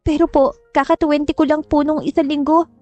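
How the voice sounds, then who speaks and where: A woman's voice: high voice, flat delivery, brisk, dull audio, faint music behind, voice pushed up, lightly acted. A woman voicing a shy, obedient twenty-year-old village girl who speaks politely and hesitantly. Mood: timid. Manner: polite, hesitant, soft-spoken.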